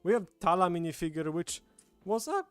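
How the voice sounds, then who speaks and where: A Polish livestream host speaks fairly quickly with lively intonation, his voice sitting high with a clean tone and no room sound. He's a native Polish speaker with a Polish accent, chatting casually at an indoor table with a streaming setup while background music plays.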